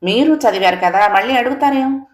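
A woman doing a sharp-tongued, resentful young daughter-in-law. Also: animated, a little fast, reverberant, natural voice. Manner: sharp, raised, complaining pitch.

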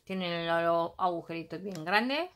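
In a fairly low, fairly bright voice at a slightly slow pace, with a little hiss or hum in the recording, a middle-aged Basque-accented woman from Spain unpacks a craft haul at home. She chats loosely, thinking aloud and filling gaps with hums.

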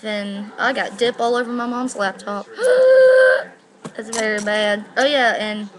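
The rough recording comes from a laptop's built-in microphone at arm's length, capturing an eighteen-year-old woman vlogging at home in her living room. She speaks in a fairly bright, somewhat high voice, rambling slangily and swearing as she chats to camera.

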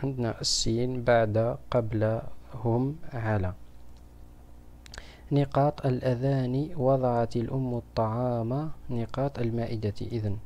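Guy teaching little kids grammar, patient, keeps asking them stuff, warm low tone. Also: fairly even intonation, a little slow, muffled recording. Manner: patient, questioning. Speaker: primary school teacher. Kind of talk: explaining a grammar exam to children.

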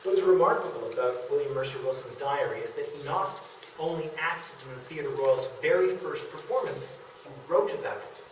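Speaking at normal speed in a mid-range voice, a man delivers a live illustrated history lecture before an audience in a historic house's meeting room. The sound, recorded by a camera far back in the audience, is distant and strongly echoing, with faint noise.

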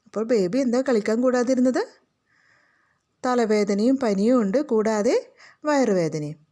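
Malayali lady teacher explaining a class lesson, keeps asking the kids questions, soft warm voice, a bit high. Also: unhurried. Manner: reads passages aloud, then explains with questions to pupils. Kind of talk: explaining a school reading lesson to children.

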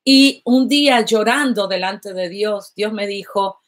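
A woman's voice: medium pitch, a little slow. A woman prophet and worship leader, praying aloud with fervor and speaking directly to viewers on a live stream. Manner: fervent, prays aloud and addresses online viewers directly. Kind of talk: live-streamed prayer and preaching.

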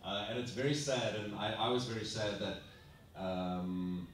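A man's voice: on the low side, unhurried, slight background noise. A man from South Africa, chatting and laughing through stories on a convention panel with a handheld mic. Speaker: convention panel guest actor. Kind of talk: casual panel talk. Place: large carpeted convention room, indoors. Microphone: handheld mic, far camera. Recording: echoey room, distant mic.

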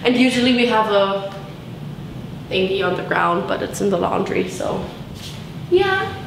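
A woman's voice: medium pitch, big pitch swings, measured pace, gravelly. A young woman giving a casual, rambling tour of her bedroom and bathroom, filmed on a handheld camera as she walks around. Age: young adult. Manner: bubbly, rambling, lots of "like" and "so cool". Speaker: vlogger giving a house tour. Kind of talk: casual chat. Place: large tiled bedroom and bathroom indoors. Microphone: handheld camera, speaker moving around. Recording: echoey room with background noise.

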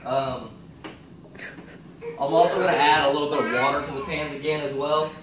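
A young man's fairly high voice, with fairly even intonation, moves at a moderate pace through a casual cooking demo indoors at home. He's a fitness vlogger thinking aloud about his meal prep, full of fillers. The echoey kitchen and far stand-mounted camera mic leave the audio noisy.

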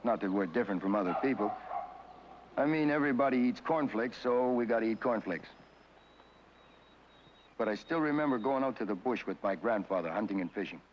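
A man's voice: fairly low pitch, brisk, pauses often, a little hiss or hum. A middle-aged man talking in a plain, reflective, conversational way in an old documentary interview, heard from a worn tape copy. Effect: worn tape copy of an old film soundtrack. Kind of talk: documentary interview, casual talk. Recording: dull, echoey worn tape over music.

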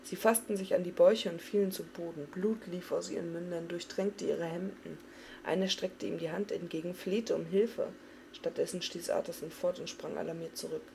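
Woman narrator, dramatic fantasy audiobook reading, dark gravelly voice. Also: lowish voice, moderate pace, a little hiss or hum. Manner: expressive, dramatic. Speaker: audiobook reader.

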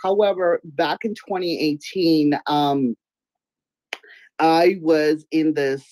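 Taking it slowly, a Belarusian woman with a deep, somewhat nasal voice chats as a guest artist in a casual interview; she's a native Russian speaker. Giggly and expressive, she occasionally gets loud. The recording, made on a video-call webcam in her home room, is dry and rough.

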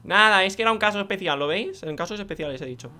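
A young man with a Spain Spanish accent giving excitable, joking commentary over a racing game, full of exclamations. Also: high voice, racing. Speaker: gaming video creator. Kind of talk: casual gameplay commentary.

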